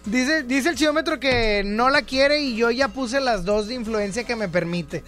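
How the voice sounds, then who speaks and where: A man's voice: very high voice, normal speed, a bit bright. A man hosting a radio call-in show, teasing callers and laughing often. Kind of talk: playful radio call-in banter. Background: music.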